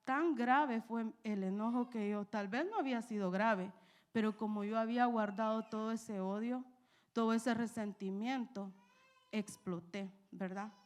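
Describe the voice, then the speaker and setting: A woman's voice: a little high, a little slow. A young woman preaching, telling a personal testimony with emotion and frequent "¿verdad?" asides. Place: church.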